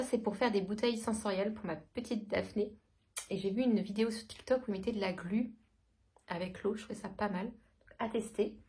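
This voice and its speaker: A woman's voice: a little high, a little hiss or hum. A woman in her thirties chatting casually through a shopping haul, hesitant with many fillers. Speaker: vlogger. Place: home.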